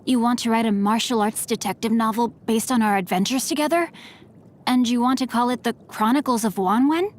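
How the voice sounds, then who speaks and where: A woman with a fairly high voice, speaking a little fast and lightly acted, performs scripted game voice lines as a courteous young swordsman-scholar. She sounds polite and composed, formal yet gently teasing.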